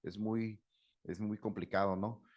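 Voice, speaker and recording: A man's voice: lowish voice, fairly even intonation, measured pace, muffled recording. Middle-aged man lecturing conversationally. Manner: conversational, acts out quoted dialogue, asks "¿no?" often. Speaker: psychologist giving a talk on anger. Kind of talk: lecture with anecdotes.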